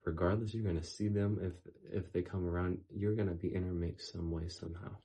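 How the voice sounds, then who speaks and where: A man talking in a casual faith-based vlog, earnest and emphatic, repeating words for stress, his voice going hoarse. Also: deep voice, fairly even intonation, fairly quick, dark tone. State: losing his voice. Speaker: YouTuber.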